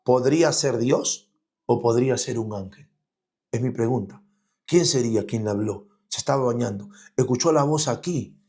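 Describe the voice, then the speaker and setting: A man's voice: medium pitch, darkish tone. A man preaching an online teaching sermon, speaking as an apostle to his audience. He is emphatic and keeps turning to his listeners with rhetorical questions. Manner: emphatic, repeats "escúchame bien".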